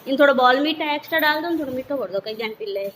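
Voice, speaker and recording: A woman's voice: sits high, fairly bright tone, slight background noise. A young woman, a mother narrating her family's morning routine in a casual, bustling vlog. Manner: bustling and hurried, talks to viewers while cooking. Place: home kitchen. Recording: echoey room with clattering dishes.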